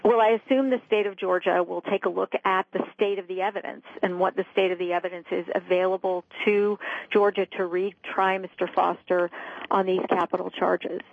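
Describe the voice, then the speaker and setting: Female legal guest, gravelly, deliberate and qualifying, dry narrow telephone audio. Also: lowish voice, fairly even intonation, no echo. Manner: measured, careful, qualifying. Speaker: law school clinic director. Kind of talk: radio interview answers. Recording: narrow, muffled phone line.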